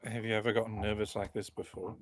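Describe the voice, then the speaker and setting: A man's voice: fairly low pitch, level tone, quick pace. A man playing a tabletop game, asking curious questions of a character. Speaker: player.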